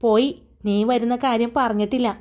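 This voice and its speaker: A woman's voice: a little high, fairly even intonation, brisk, darkish tone, close to an everyday voice. A woman voicing a cheeky, playful young woman who whines and jokes in a storybook tale. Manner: playful, whiny.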